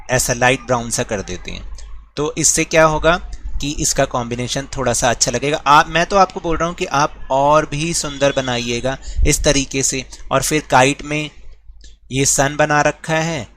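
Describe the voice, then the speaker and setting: A man's voice: mid-range voice, a bit bright, slight background noise. A male teacher with an Indian English accent, patiently walking pupils through a worksheet step by step. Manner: slow, patient, counts aloud step by step. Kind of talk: worksheet lesson for school pupils.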